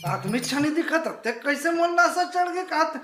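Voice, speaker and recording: Someone doing a town drunk w chhattisgarhi accent, highish voice, rambly n tipsy, echoey room, comedy podcast. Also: moderate pace, natural voice. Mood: tipsy complaining. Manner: drunken rambling, repeats himself, goes off track. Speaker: podcast guest in a comedy sketch. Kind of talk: comic mock podcast interview. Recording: echoey room, loud music over it.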